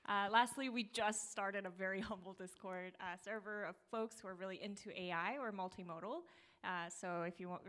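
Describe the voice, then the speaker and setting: A woman's voice: fairly low pitch, fairly bright tone. A young woman presenting her startup's product at a meetup, talking casually through a live demo with fillers and restarts. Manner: casual, upbeat, many fillers. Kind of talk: conference talk with live demo. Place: small theater stage.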